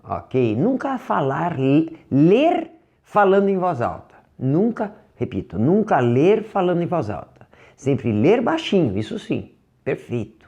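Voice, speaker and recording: A man with a Brazilian Portuguese accent teaching English vocabulary in a recorded lesson, patiently drilling each word and slowing down to model how it sounds. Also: fairly high pitch, big pitch swings, mellow, dull audio. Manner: patient, drills words, slows down to model pronunciation.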